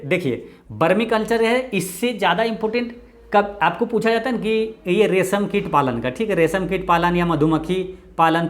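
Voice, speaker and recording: A man with a Bihari Hindi accent teaching exam-prep quiz answers, often dropping low and quiet for "keep this in mind". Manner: repeats "ye dhyan rakhna hai" with a low, quiet drop.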